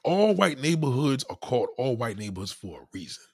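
A man's voice: mid-range voice, a little fast, husky, no room sound, studio quality. A man rants bluntly and profanely to his live-stream viewers, reading out their comments. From New York. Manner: blunt, profane, animated street talk. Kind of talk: casual live-stream rant.

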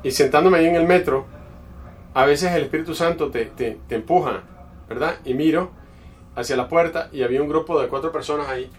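A man preaches in a church in a conversational, storytelling style, often restarting his phrases. His voice is fairly high and brisk, picked up by a distant mic with faint background noise.

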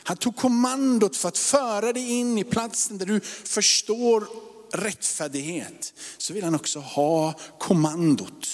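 A man in his forties, a pastor preaching a sermon, rising to loud emphasis and dropping to hushed whispers. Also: high voice. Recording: long hall reverb.

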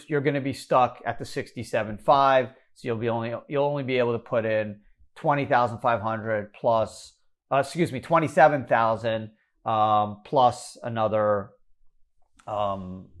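A man with a Canadian accent explaining retirement contribution limits, brisk and number-heavy, correcting himself as he goes. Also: medium pitch. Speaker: financial educator. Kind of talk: explanatory talk.

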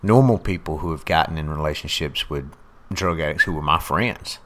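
A man's voice: rumbling low, fairly quick, a bit bright. A man telling blunt, joking stories in a casual podcast chat. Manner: easygoing, blunt storytelling with jokes. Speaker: podcast guest, former drug addict.

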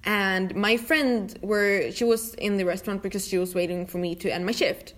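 A young woman from Sweden chatting casually, telling rambling stories from her fast food job with many restarts. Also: mid-range voice, steady tone, a bit bright. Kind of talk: casual chat.

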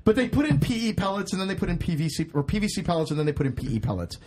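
A man in his thirties hosts a podcast in casual chat, rambling, swearing and laughing at himself. His voice sits high with a darkish tone, and he talks rapid-fire and very animatedly.

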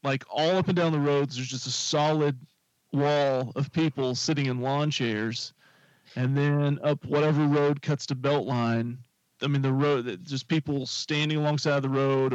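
A man's voice: medium pitch, steady tone, normal speed, no room sound, dull audio. A man casually telling a long, rambling anecdote on a talk show, full of fillers and asides. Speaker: podcast co-host telling a story. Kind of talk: casual storytelling chat.

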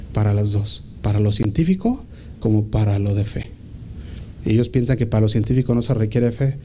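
A man's voice: medium pitch, mellow, slight background noise. A man preaching a sermon, reading scripture with rising emphasis and talking casually with restarts between verses.

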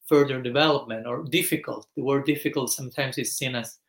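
Speaking a little fast at medium pitch with fairly even intonation, a thoughtful Argentine monk in his 40s gives a reflective podcast interview as a guest. He explains his ideas while searching for words, in an echoey room.

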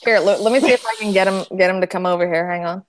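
A woman's voice: mid-range voice, rapid-fire, a little hiss or hum. Laughing woman from Turkey, chatting. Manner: laughing, loose storytelling. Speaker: guest. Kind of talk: casual chat.

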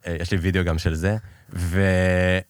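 A man's voice: low-pitched, flat delivery, dry recording, clean studio sound. A man with an Israeli Hebrew accent, telling stories conversationally as an interview guest, feeling for words and mixing in English business terms. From Iran, immigrated to Israel. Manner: hesitant searching delivery, peppered with English business terms. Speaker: podcast guest, business executive.

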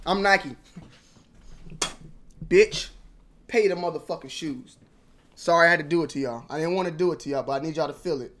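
A young man vlogging about sneakers in slangy, repetitive casual talk that swings between mumbling and loud outbursts. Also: a little high, moderate pace, pauses often. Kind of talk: casual ranting commentary.

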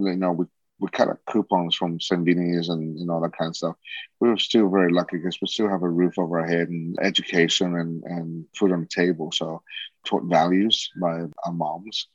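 This low-pitched Australian man speaks a little fast on a dry recording with dull lo-fi sound. He's a social entrepreneur in his 40s, chatting loosely as an interview guest and frequently starting his sentences over.

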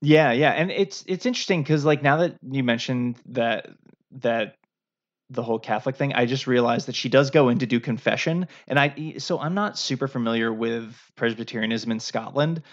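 A man's voice: medium pitch, normal speed. A man from the United States co-hosting a podcast, chatting casually and rambling with lots of fillers and restarts, on a dull lo-fi recording. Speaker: podcast co-host. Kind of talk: casual chat. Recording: dull lo-fi sound.

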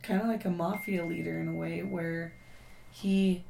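A hoarse woman who has lost her voice, co-hosting a casual podcast chat and rambling with many fillers. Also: on the low side, fairly even intonation, normal speed, darkish tone, reverberant, slight background noise. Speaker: podcast co-host.

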